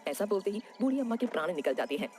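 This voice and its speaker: A woman's voice: medium pitch, sing-song, very fast, a little mellow, soft background music. A woman narrating a cartoon story in plain, scripted storytelling.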